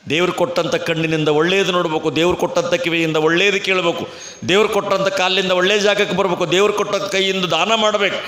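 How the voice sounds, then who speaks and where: A swami with a North Karnataka Kannada accent tells a parable with humour, slipping into the voices of his characters. His voice is high and bright. It carries through a public address system with a long, echoing tail. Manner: lively storytelling, acts out the characters. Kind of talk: storytelling sermon with humour. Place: outdoor village temple fair. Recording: echoey fair loudspeaker, long reverb.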